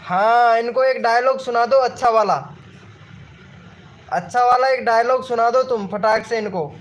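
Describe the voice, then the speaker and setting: A man chatting live with viewers, reading their comments and egging them on, repeating himself with excitable energy and calling everyone brother. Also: very high voice, a little slow. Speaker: live streamer.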